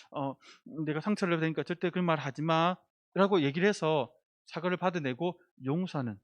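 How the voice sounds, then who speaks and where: High-voiced man preaching to children. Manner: asks children questions, leads them in reading aloud and prayer. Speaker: children's pastor. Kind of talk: children's sermon.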